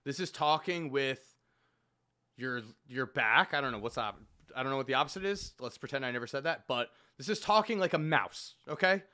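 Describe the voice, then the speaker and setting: A man hosts a live reaction stream in a bright, forceful voice. He rambles and jumps from topic to topic with excitement, his pitch swinging widely. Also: moderate pace. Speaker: livestream host reacting to news. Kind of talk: casual live reaction commentary.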